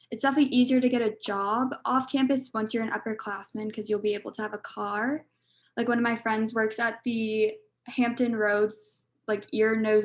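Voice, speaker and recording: A young woman speaks in a fairly high voice, chatty and loose. She fills her sentences with casual fillers as she shares advice with prospective students over a video call. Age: young adult. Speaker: student panelist. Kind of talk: casual panel talk.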